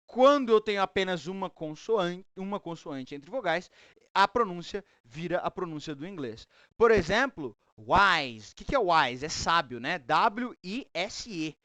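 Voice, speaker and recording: A man's voice: high voice, very animated, unhurried, sharp tone, no room sound. A man teaching English online, with a Brazilian Portuguese accent, giving encouraging feedback and explaining pronunciation rules in Portuguese and English.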